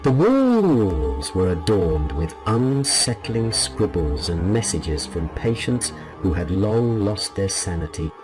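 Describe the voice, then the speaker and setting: Male horror narrator, low haunting delivery, ominous, highly animated pitch, music underneath. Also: slow pace, hardly any pauses. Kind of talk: scripted scary story narration. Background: music behind the voice.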